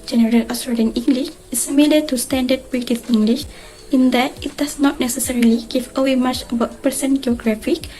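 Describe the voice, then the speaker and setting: A woman student reading a scripted class presentation at a steady pace. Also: high voice, a little fast, low-quality recording. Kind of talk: read-aloud class presentation.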